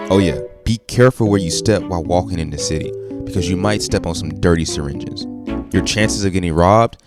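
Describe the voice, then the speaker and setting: A deep-voiced man narrates with indignant scorn, over a clear guitar music bed. His low tone stays steady as he rails. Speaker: commentator narrating a video. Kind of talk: opinionated video narration.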